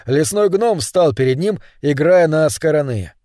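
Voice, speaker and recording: A man's voice: fairly high pitch, animated, measured pace, warm tone, no room sound, clean studio sound. Man narrating an audiobook.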